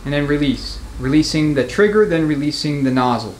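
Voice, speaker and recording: Speaking fairly quickly in a slightly high voice, this man teaches transmission repair hands-on, keeping his delivery plain and conversational. The recording comes from an indoor garage workshop, echoey and with noticeable background noise.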